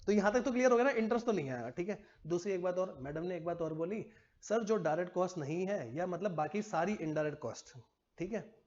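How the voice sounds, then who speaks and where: A man's voice: sits high, animated, quick pace, a little mellow, dull audio. A man teaching commerce to a classroom, chatty and teasing, quizzing his students as he goes. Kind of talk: classroom lecture.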